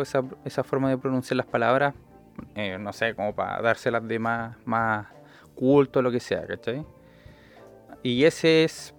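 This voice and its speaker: Chilean man, podcast co-host, smooth clear voice, mid pitch, explanatory. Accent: Chilean Spanish. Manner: explanatory, lecturing at length. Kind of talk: casual chat.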